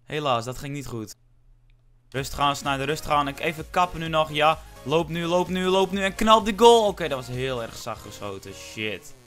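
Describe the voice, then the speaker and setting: A young man commentating his own gameplay, swearing and yelling at the game before dropping to a low mutter. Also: normal speed, faint music behind. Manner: excitable, swears and yells at the game, then drops to low muttering. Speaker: gaming video creator.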